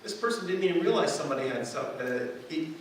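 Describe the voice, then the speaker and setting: A man's voice: on the high side, animated, quick pace. A man preaching a sermon as pastor, talking in a conversational, self-deprecating way and often restarting his words. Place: church sanctuary. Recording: echoey room, distant mic, faint hiss.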